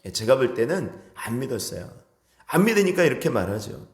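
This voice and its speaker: A man's voice: mid-range voice, big pitch swings, brisk, roomy sound. A man preaching a sermon as pastor, earnest, asking the congregation rhetorical questions and acting out quoted speech. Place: church sanctuary.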